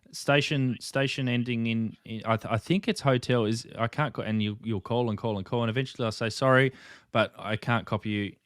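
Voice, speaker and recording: A man's voice: lowish voice, smooth, no room sound, studio quality. A man co-hosting a ham radio livestream, chatting casually, chuckling often and reading viewer comments aloud. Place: home room at night.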